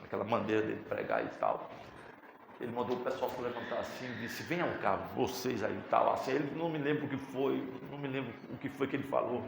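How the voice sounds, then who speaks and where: A man's voice: mid-range voice, expressive, quick pace, creaky, background noise. A man preaching a sermon as pastor, with a Brazilian Portuguese accent, talking with swelling, impassioned fervor. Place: church sanctuary. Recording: echoey church hall with music.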